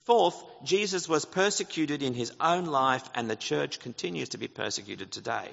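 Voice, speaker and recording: Guy preaching a sermon, gravelly voice, church reverb, kinda dull lo-fi sound. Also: medium pitch, moderate pace, fairly bright tone. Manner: earnest, explanatory preaching with rhetorical questions. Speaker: pastor.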